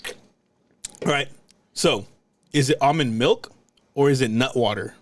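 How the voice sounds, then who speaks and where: A young man co-hosting a podcast in casual chat, rambling with halting restarts and lots of fillers. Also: mid-range voice. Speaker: podcast co-host.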